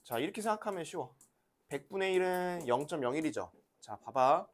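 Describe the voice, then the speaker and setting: There's slight background noise as a woman with a low, expressive voice teaches a math lesson to young children, speaking fairly quickly. This elementary school teacher's voice rises and falls a great deal while she asks questions and waits for responses, patiently coaxing the class to repeat after her.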